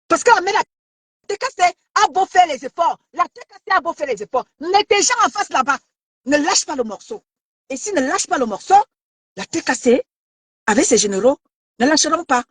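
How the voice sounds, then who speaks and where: A woman from Cameroon delivers a heated online rant in a very high voice, confrontational and taunting, often shouting and stammering as she repeats herself. The sound is dry and close, with no room around it. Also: animated, brisk, no room sound. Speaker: social media commentator.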